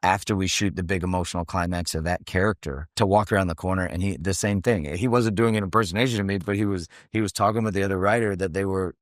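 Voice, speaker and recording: A middle-aged man, an actor and acting coach, telling animated anecdotes in a podcast interview and acting out the lines of the people in them. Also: low-pitched, fast talker, few pauses, no echo, studio quality. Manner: lively anecdotal storytelling, acting out quoted lines.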